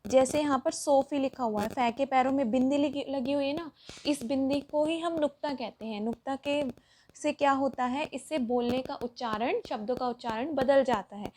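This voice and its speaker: A woman's voice: sits high, moderate pace, darkish tone, slight background noise. A woman teacher explaining a worksheet lesson to children, patient and step by step.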